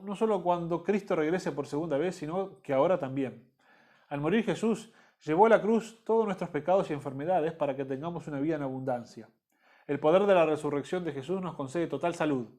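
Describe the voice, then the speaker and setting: A man's voice: a little high, a little mellow. A man teaching a church discipleship Bible class in Rioplatense Spanish, repeating key points and checking in with the listeners.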